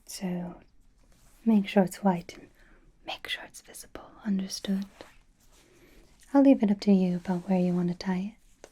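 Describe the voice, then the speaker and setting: In a whispered ASMR roleplay, a woman plays a centuries-old aristocratic vampire lady: doting, possessive, softly teasing, refined and breathy. Her mid-range voice stays fairly even at a normal speed, with long pauses and light acting, the mood possessive and fond.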